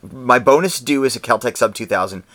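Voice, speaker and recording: A man co-hosting a podcast, talking in a relaxed, conversational way and explaining his points at length. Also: mid-range voice, a little fast. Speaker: podcast co-host. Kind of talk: casual podcast chat.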